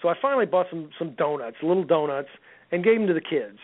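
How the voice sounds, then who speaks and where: A man's voice: fairly high pitch, lively intonation, fast talker. Middle-aged man on a phone-like radio line. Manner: rambling storyteller, many restarts. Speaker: guest author. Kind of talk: casual radio chat.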